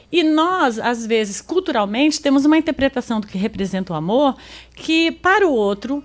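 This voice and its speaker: High-voiced woman giving a lively talk. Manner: animated, acts out quoted dialogue with laughter. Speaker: lecturer on relationships. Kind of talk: live lecture.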